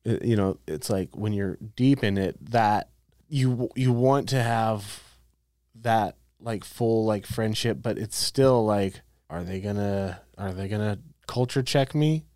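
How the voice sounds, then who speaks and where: A man's voice: on the low side, a little slow, darkish tone, no room sound. A man co-hosting a casual podcast chat, blunt and irreverent, often restarting his sentences.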